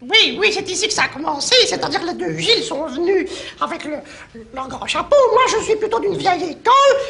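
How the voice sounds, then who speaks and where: A woman's voice: very high-pitched, animated, fairly quick, vocal fry, pushed and bright, full character voice. A woman playing a fussy, old-fashioned schoolteacher being interviewed in a comedy sketch. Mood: prim. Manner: fussy and prim, with small laughs.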